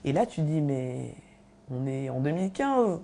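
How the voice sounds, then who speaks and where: A woman comedian talking in an interview, relaxed and hesitant, with many fillers. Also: sits low, measured pace, vocal fry, slight background noise. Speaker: stand-up comedian. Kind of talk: interview talk.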